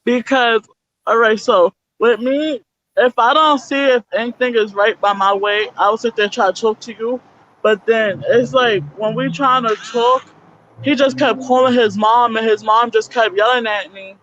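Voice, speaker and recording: Young woman guest, blunt and frank, high voice, dull dry lo-fi sound. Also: steady tone, moderate pace, a bit bright, slight background noise. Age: young adult. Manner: blunt, swears freely, tells it plainly. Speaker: interview guest. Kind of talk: candid personal story.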